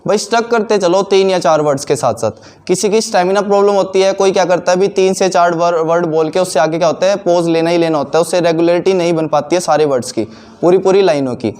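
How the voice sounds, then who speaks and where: Male instructor, high voice, quizzing himself as he explains to a class. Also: fast talker, a little mellow. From India. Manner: explains by asking and answering his own questions. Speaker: teacher. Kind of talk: classroom teaching.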